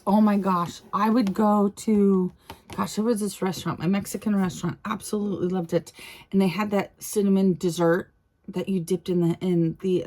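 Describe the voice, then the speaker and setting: A woman vlogger talking casually and gushing with excitement, laughing often as she goes. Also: mid-range voice. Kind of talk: casual unboxing vlog.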